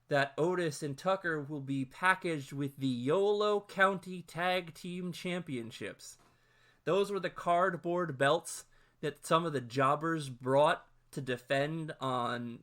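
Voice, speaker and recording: A man co-hosting a casual podcast, telling stories excitably and enthusiastically, with quick restarts. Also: a little high. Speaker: podcast co-host.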